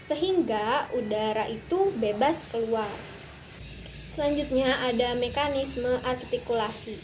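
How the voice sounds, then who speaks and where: High-voiced young woman student presenting. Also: slight background noise, rough recording. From Indonesia. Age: young adult. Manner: careful explanatory, frequent hesitations. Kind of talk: recorded class presentation.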